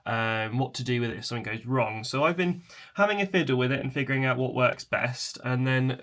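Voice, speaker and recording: A man presenting a casual hands-on tutorial in an informal, tentative, explanatory way, with a chair creaking. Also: mid-range voice, fairly quick, a bit bright. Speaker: video presenter.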